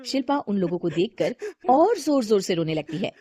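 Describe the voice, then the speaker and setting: Soft-voiced woman storyteller, dry sound. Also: mid-range voice, moderate pace, slightly rough, no room sound. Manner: soft, calm narration. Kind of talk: storybook narration.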